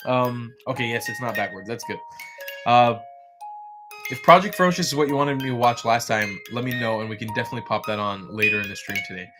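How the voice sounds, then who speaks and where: A man's voice: medium pitch, a little fast, music in the background. A man hosting a casual livestream, chatty and rambling with lots of fillers, tired and yawning. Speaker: livestream host.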